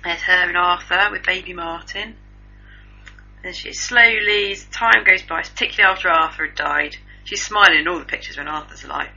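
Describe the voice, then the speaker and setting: Host: woman, lowish voice, bright and husky, gossipy news banter, muffled lo-fi recording. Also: brisk. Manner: chatty, gossipy, self-mocking. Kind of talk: casual news chat.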